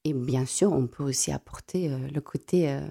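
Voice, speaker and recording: An extremely low, dark and husky voice comes from a young South African classical singer whose native tongue is Afrikaans. She answers a radio interviewer's questions haltingly, repeating many words.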